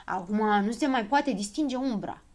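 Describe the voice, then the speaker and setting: A woman voicing a calm, know-it-all little male gnome in a storybook reading who patiently explains things. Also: a little high, natural voice. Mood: explaining.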